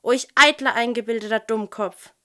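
Woman doing a worried old storybook professor, frets a lot, kinda high. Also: fairly even intonation, a little fast, bright, forceful tone. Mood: fretful. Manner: worried, self-reproaching. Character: fretful absent-minded old male professor.

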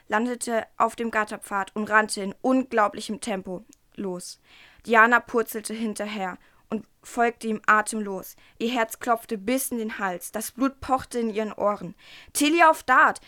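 A woman's voice: medium pitch, sharp tone, dry recording, studio quality. A woman presenting a book and reading a passage from it aloud, in an earnest, careful way with small stumbles.

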